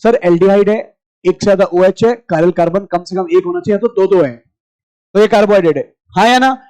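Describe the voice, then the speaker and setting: Brief: male chemistry teacher, very high smooth voice, drills class with repeated questions, dry close sound. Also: darkish tone, dry recording, poor audio. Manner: quizzing students with rapid repeated questions; familiar, addresses class as brother. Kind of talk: classroom lecture.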